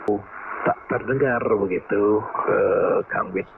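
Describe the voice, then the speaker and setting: Low man over a hissing two-way radio. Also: takes it slowly, vocal fry. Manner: relaxed, technical, ends turns with "over". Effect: heard over a shortwave two-way radio. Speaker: amateur radio operator. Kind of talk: casual radio net chat. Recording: distant, tinny, very noisy radio signal.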